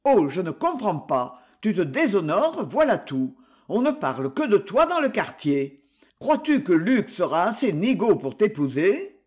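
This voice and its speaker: A man's voice: sits high, sing-song, a little slow, a little mellow. A man reading aloud and voicing an indignant, fussy middle-aged master who scolds his servant in a storybook. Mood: scolding. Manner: nagging, indignant.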